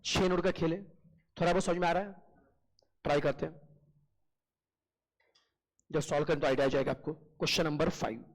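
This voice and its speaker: High-voiced man quizzing his class. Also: fairly even intonation, brisk, long pauses, rough recording. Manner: asks constant quiz questions, answers them himself; calls students "beta". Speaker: accountancy teacher. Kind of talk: online class lecture.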